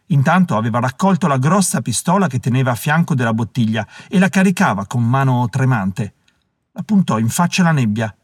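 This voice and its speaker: A man reading an audiobook as the narrator, telling the story in a measured, dramatic way on a close studio mic. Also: medium pitch, breathy edge, dry recording. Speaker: audiobook reader. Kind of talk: scripted narration.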